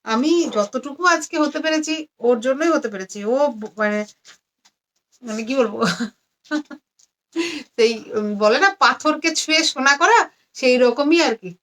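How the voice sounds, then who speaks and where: A tired, low-energy woman selling saris on a live stream, repeating every price again and again. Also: a little slow, long pauses, fairly bright tone. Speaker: online saree seller. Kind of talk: live-stream sales pitch. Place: indoors among stacks of saris.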